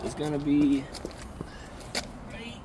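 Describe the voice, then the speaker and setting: A man's voice: a little high, animated, slow pace. A man giving a practical, step-by-step outdoor walkthrough of an RV's systems. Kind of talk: casual instructional walkthrough. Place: outdoors beside an RV. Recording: outdoor recording with clear background noise.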